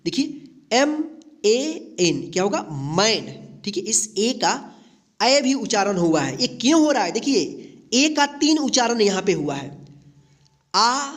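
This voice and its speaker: A woman teaching a beginner's English lesson, spelling out letters one by one, asking questions and repeating each answer. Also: a little high. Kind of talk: step-by-step spoken English lesson.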